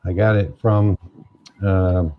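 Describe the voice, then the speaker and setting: Speaking slowly in a deep, level tone, the livestream host chats and thinks out loud from his home laser workshop. His wireless clip-on mic gives slightly muffled audio.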